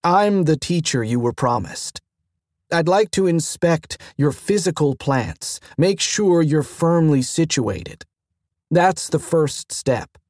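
A man voicing a warm, friendly mentor. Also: mid-range voice, dry recording, studio quality, close to an everyday voice. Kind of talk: audiobook character voice.

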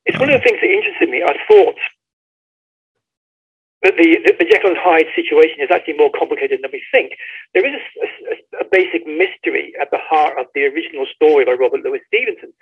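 Over a tinny phone line, a male guest author tells a story in an emphatic, conversational way, acting out the quoted dialogue. His voice sits on the high side and sounds husky, with lively intonation and a fairly quick pace.

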